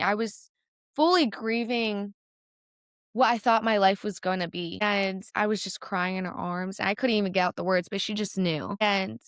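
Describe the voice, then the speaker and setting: A young American woman recounts her story for a podcast in a smooth, resonant voice. She talks earnestly and near tears at times, then breaks into laughter. The sound is close and dry. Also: medium pitch, fairly bright tone, dry recording. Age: young adult. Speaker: guest, college gymnast. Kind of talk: emotional personal story in a podcast interview.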